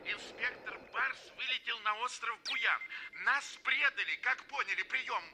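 A man's voice: very high voice, unhurried. A man voicing a bumbling, forgetful crab henchman who calls in over a two-way radio. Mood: urgent. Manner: clipped radio call-sign talk, forgets his own code name. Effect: heard over a two-way radio. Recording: noisy crackling radio transmission.

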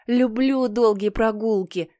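A woman voicing an obedient, eager little boy with a squeaky voice. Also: unhurried, mellow, no echo, clean studio sound, close to an everyday voice.

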